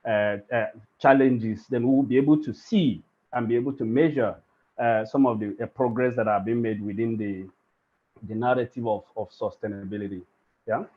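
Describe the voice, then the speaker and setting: Man, panelist, halting, rephrases a lot, dull lo-fi call audio, mid pitch. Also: fairly even intonation. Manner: halting, circling back to rephrase. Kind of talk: webinar panel remarks. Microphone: video call.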